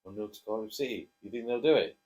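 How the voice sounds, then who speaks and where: A man's voice: lowish voice, fast talker, a little mellow. A man co-hosting a casual chat, jokey and chatty, prompting his co-host to speak. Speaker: co-host, father.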